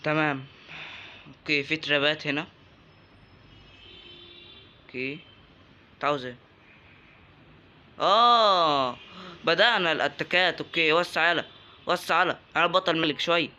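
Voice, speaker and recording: A man's voice: fairly high pitch, a little fast, long pauses, dull audio. A young man with an Egyptian Arabic accent, commenting casually on a video game he is playing, joking and yelping at enemies. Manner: jokey, bursts into excited yelps at enemies. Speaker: gaming YouTuber. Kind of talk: let's-play commentary.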